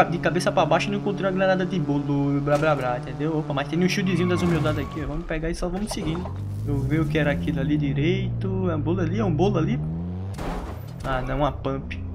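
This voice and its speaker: A man's voice: fairly high pitch, noisy background. A young Brazilian man rambling and joking to himself as he plays a battle royale game. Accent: Brazilian Portuguese. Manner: rambling, playful, talks to himself while playing. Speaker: gaming youtuber. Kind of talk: casual gameplay commentary.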